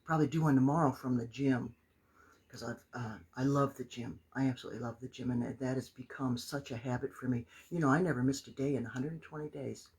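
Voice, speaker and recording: A woman's voice: a bass voice, fairly even intonation, fast talker, a little mellow, slightly rough. An older woman chatting casually on a live stream as a motivational coach, exclaiming and greeting her viewers by name.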